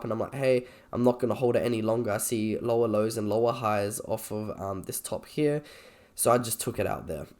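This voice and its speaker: A man with a croaky, slightly sick voice, talking informally and a little hesitantly as he reviews trades on a screen recording. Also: mid-range voice, a little mellow. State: sick with a cold or cough. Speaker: trader presenting a video.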